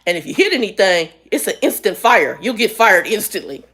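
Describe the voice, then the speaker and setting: A woman's voice: medium pitch, very animated, brisk, fairly bright tone, husky, full character voice. A woman voicing an older male delivery man who rambles apologetically. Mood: explaining.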